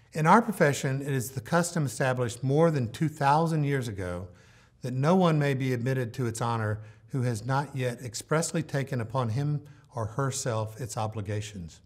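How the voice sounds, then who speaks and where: An older man speaks with slow, solemn deliberation, giving a formal ceremonial address. He was recorded indoors in a hall, framed in a mid shot. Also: mid-range voice. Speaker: dean leading the oath. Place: hall with organ pipes behind, indoors.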